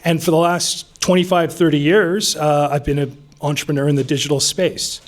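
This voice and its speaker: A man in his fifties, speaking from the top of his head to a room of listeners. His voice sits a touch higher than most men's, and he talks earnestly and plainly, with plenty of ums and small restarts. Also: little pitch movement, moderate pace. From Vancouver, Canada. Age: 50s. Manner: off-the-cuff, earnest, frequent ums. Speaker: city council candidate. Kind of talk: unscripted campaign speech. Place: meeting room with an audience.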